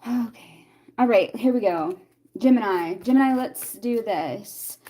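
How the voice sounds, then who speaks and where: A woman's voice: on the high side, a little slow, warm tone. A young woman doing a casual tarot reading and chatting with viewers, laughing often and reacting to their comments. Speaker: tarot reader.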